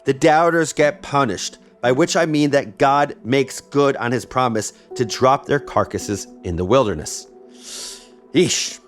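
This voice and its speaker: A man narrates a history podcast from a script and slips in wry, chatty asides. His voice sits at an ordinary middle pitch. Faint music plays behind him. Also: measured pace, few pauses. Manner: wry, conversational. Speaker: podcast host.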